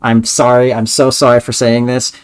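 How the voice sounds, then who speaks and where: A man's voice: mid-range voice, flat delivery, moderate pace, smooth, no room sound. A man chatting casually as he plays through a game and reads its dialogue aloud. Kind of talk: casual game playthrough chat.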